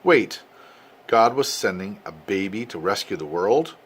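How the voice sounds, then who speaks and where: A man's voice: on the low side, animated, measured pace, husky. An older man voicing an amazed, earnest and trusting young girl in a storybook. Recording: noisy amateur home recording.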